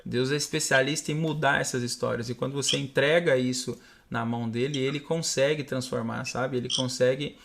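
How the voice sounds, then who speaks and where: A young man tells a heartfelt personal story in an earnest, halting way, often restarting his sentences. His voice has a gravelly fry at mid pitch. He speaks over a home webcam setup. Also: fairly even intonation, fairly bright tone. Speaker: guest sharing personal testimony. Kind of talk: live-streamed conversation, personal testimony.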